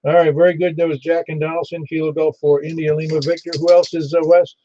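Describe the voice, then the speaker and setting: Male net controller, fairly high mellow voice, halting easygoing roll call, dull ham radio audio. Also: little pitch movement, a little hiss or hum. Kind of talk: informal radio roll call with phonetic call signs.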